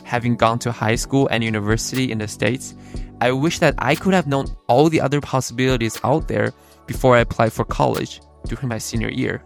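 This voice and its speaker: A man speaks as a podcast host in a mid-pitched voice with plenty of vocal fry. His delivery is conversational and explanatory, like someone introducing and running an interview. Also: a little fast, soft background music. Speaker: podcast host, college counselor.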